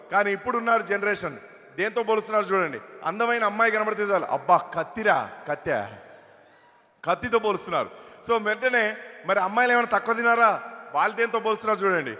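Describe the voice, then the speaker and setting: Man, stand-up comedy, high pitch, stage mic, long hall reverb. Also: pushed and bright. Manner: chatty, jokey setups. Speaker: mimicry artist. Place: large event hall.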